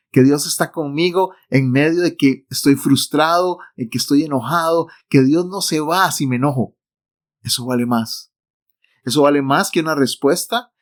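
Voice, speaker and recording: A man giving a devotional talk to the listener, emphatic and repeating his key phrases. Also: medium pitch. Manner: speaks directly to the listener.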